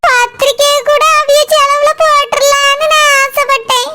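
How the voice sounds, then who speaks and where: A tearful village mother in a cartoon, voiced by a woman. She drags her words slowly and pleads. Her voice stays high and thin. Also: little pitch movement, music in the background. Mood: pleading. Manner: slow, pleading and lamenting.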